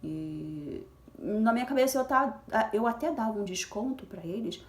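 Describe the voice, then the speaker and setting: A woman's voice: a little high, animated, moderate pace. A woman sharing her story as a mother of twins in a casual personal vlog, talking in a chatty way with many fillers and restarts. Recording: echoey room.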